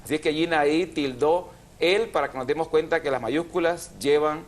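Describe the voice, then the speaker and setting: A man's voice: a little high, a little fast. A man hosting a TV language program, explaining grammar patiently and drawing out syllables. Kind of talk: didactic TV chat.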